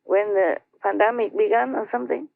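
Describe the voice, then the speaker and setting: A woman slowly telling a story to her team over a conference line, chatty and laughing between phrases. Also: mid-range voice, fairly even intonation, creaky, no room sound. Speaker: spiritual teacher telling a story. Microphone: phone or conference line. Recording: tinny dry phone line.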